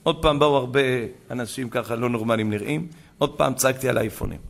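Gravelly, fervent male rabbi preaching. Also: medium pitch. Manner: fervent preaching that builds to loud exclamations; retells conversations in a storytelling way. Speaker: rabbi giving a Torah talk. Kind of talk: sermon to a gathering.

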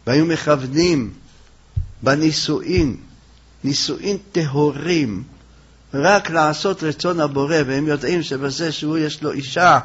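Male rabbi lecturing, animated storyteller, higher voice, muffled lo-fi sound. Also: slightly rough. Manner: animated storytelling, rising loud for quoted lines. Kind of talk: Torah lecture. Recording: dull lo-fi recording.

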